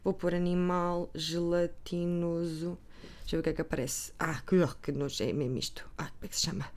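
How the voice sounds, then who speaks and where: A woman's voice: fairly low pitch, flat delivery, a little fast, a little mellow. A woman with a European Portuguese accent, chatting casually about gossip magazines, rambling and sometimes dropping to a whisper.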